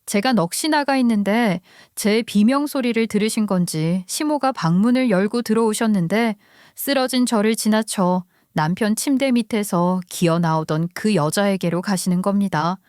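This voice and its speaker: A woman narrating a listener's story in the first person, in a steady, confiding way. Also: mid-range voice, normal speed, no room sound, clean studio sound.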